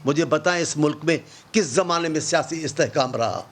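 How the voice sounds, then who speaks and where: A man with a notably high voice argues as an opposition politician on a televised debate show. He is impassioned and biting, firing off rhetorical questions and sarcastic asides. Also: a bit bright.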